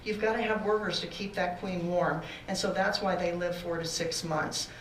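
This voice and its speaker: A woman teaches a beginner beekeeping class with slides, speaking loudly but haltingly, full of fillers and restarts. Her voice is on the low side with a steady tone. It's recorded from far across an echoey room, at times with no mic, and carries a faint hiss or hum.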